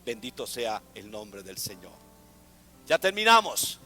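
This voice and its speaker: A man's voice: lowish voice, sing-song, unhurried, bright, forceful tone, big-room sound, faint music behind. A man preaching a sermon to a congregation, asking them to repeat words after him. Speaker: pastor. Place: church.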